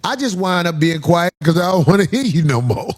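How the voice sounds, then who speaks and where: A man hosting a casual comedic panel talk, animated and profane, slipping into put-on shouts. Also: sits high, fairly quick. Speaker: host.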